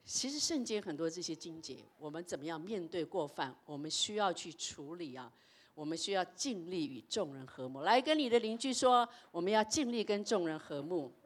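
Woman pastor preaching with lively storytelling. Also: on the low side, moderate pace. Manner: storytelling preacher, lively shifts between loud and hushed. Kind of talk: sermon.

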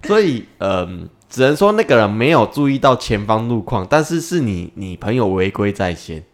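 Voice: medium pitch, sing-song, normal speed. A podcast co-host who jokes and teases during casual chat. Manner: teasing, interjecting.

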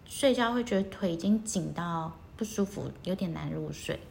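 A woman's voice: lowish voice, expressive, moderate pace, creaky, a little mellow, a little hiss or hum. A woman, chatting casually as a co-host and laughing often. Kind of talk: casual chat.

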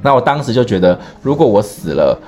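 A man hosting a podcast, telling a story in casual chat, animated and rambling, with many restarts. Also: mid-range voice, fast, faint music behind. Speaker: podcast host.

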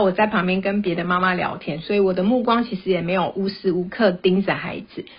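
A mother hosts a parenting podcast, chatting gently and sharing stories about her kids. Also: mid-range voice, husky. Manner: gentle, chatty, tells personal anecdotes. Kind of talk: casual podcast monologue. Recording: dull, slightly lo-fi sound.

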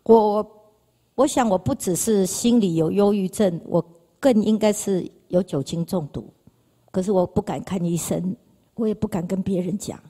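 A woman's voice: medium pitch, normal speed, warm tone, breathy edge. A woman with a Taiwanese Mandarin accent giving an emotional personal testimony in church, repeating phrases and speaking to the audience. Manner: emotional, repetitive storytelling, addresses audience. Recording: reverberant church hall.

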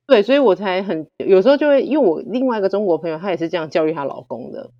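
A woman guest telling stories in casual chat, direct and animated, acting out the dialogue. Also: medium pitch, very fast, long reverb tail, dull audio.

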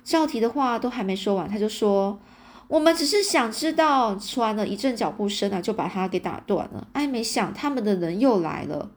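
A woman's voice: mid-range voice, lively intonation, brisk, few pauses, a little mellow. A woman reading a fantasy novel aloud in a casual, chatty way, sprinkling in little fillers. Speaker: audiobook reader.

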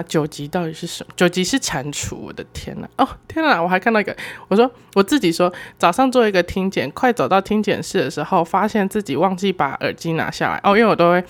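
A woman in her twenties with a Taiwanese Mandarin accent, hosting a podcast and telling stories in a casual, exclamatory, self-mocking way. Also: on the low side. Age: 20s. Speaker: podcast host. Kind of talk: casual solo storytelling.

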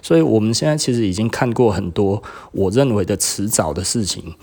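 This podcast host, who also owns a shop, is a middle-aged man with a Taiwanese Mandarin accent and a gravelly, slightly rough, lowish voice. He talks a little fast, keeps things chatty, laughs a lot, and breaks into animated quotes of other people.

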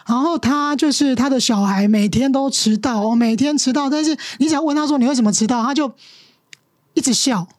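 A woman's voice: high voice, fairly quick, dry recording, studio quality. Earnest Taiwanese Mandarin woman storyteller. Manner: earnest, acts out quoted dialogue. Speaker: teacher guest. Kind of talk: storytelling interview.

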